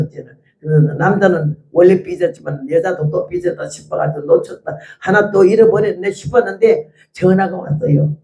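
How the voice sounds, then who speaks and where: Elderly woman missionary in her 80s, blunt and animated, testimony sermon. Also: mid-range voice. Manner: blunt, animated storytelling with acted-out quotes. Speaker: missionary preacher.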